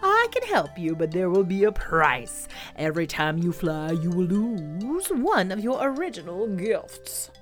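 A woman's voice: on the low side, very animated, a little slow, hardly any pauses, faint music behind. A woman doing a solemn monkey spirit.

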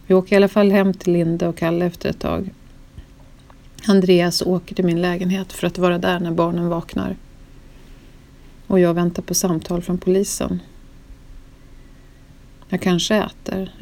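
Woman, low voice, gravelly fry, solemn slow memoir narration, grieving tone. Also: dark tone. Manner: slow, solemn, grief-laden reading. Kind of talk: scripted first-person memoir narration.

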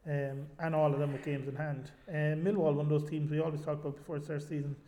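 A man's voice: a little high, little pitch movement, fast, mellow. A man hosting a casual football discussion in a conversational, hesitant way, his voice ringing with a big echo. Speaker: podcast host. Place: echoey room. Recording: echoey room, big echo on voice.

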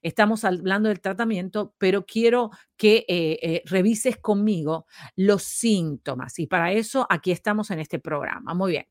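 A woman's voice: mid-range voice, normal speed, dry recording, clean studio sound. A woman presenting a program, explaining a list of points patiently and often checking in with her listener. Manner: explains patiently, checks in with repeated "¿sí?", counts items aloud. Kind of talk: explanatory talk show lesson.

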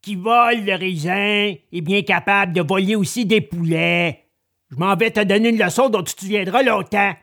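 A woman's voice: medium pitch, normal speed, a bit bright, natural voice. A woman voicing an angry, stern male farmer in a storybook reading. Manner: stern, scolding. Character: gruff, angry middle-aged male farmer.

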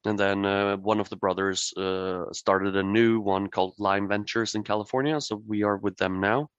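A man from Norway, a brewery guest in a podcast interview, speaking haltingly with many fillers and restarts. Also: fairly low pitch, fairly even intonation, dry recording, highs cut off.

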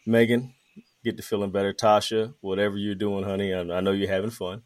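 A man's voice: fairly low pitch, level tone, fairly quick. A man hosting a podcast in casual, informal talk full of slang. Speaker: podcast host. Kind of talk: casual chat.

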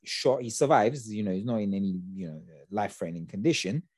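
A man's voice: on the low side, animated, fast talker, darkish tone, breathy edge, dry recording, clean studio sound. A young man, hosting a podcast in casual, slangy chat. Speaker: podcast host.

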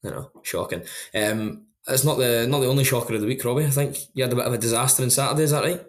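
A man's voice: mid-range voice, fast. A young adult Scottish man hosting a sports podcast, chatting and reporting casually with a hesitant, dryly teasing delivery. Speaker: podcast host. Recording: echoey, roomy sound.

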